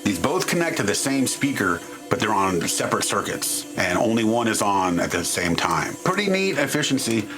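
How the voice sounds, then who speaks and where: A man with a lowish, sing-song voice narrates an electronics teardown at a moderate pace, with music in the background. As host of a teardown channel, he gives casual hands-on tutorial commentary that's wry, self-deprecating, and mildly crude.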